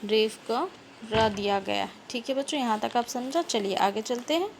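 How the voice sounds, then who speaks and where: A woman's voice: on the high side, moderate pace, gravelly, slight background noise. A woman teacher giving a grammar lesson to schoolchildren. She repeats words and keeps asking the class questions.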